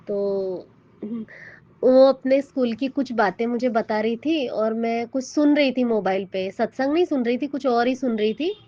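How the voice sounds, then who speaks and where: A woman's voice: fairly high pitch, warm tone. A woman giving an earnest, emotional personal devotional testimony, often addressing her listeners directly. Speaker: devotee sharing her experience. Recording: dull, dry lo-fi audio.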